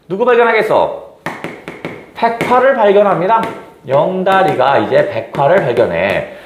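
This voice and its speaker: A man's voice: high-pitched, reverberant. A man teaching a literature lesson and acting out the scenes as he goes. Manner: animated, acts out scenes. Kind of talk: literature lecture.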